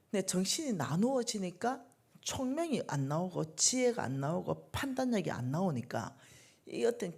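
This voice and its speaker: A middle-aged woman delivers a sermon in a church with a low, husky, gravelly voice. Her pitch moves widely as she preaches, and she swings between hushed asides and loud, emphatic bursts. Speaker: lay minister preaching at a church revival meeting.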